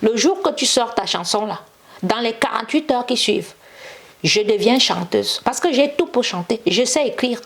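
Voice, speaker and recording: A woman guest in an interview tells a long, animated story in a slightly high, gravelly voice at normal speed. She acts out the quotes, sings snippets, and keeps repeating "et tout".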